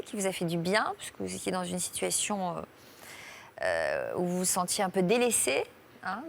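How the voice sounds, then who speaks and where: A woman hosting a studio talk show, firing quick probing follow-up questions at her guests. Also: lowish voice, a little hiss or hum.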